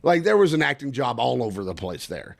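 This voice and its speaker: A man hosting a casual sports podcast, animated and ranting with quick asides. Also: mid-range voice, vocal fry. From Texas. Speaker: podcast host.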